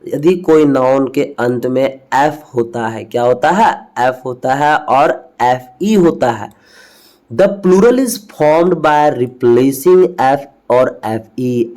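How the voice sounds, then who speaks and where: An upbeat man teaching an online English lesson at a mid-pitched, ordinary register. He drills words out loud, says them over and over, and fires questions at the viewer that he answers himself, keeping an encouraging tone. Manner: drills words aloud, repeats them, asks and answers his own questions. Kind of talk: classroom-style online lesson.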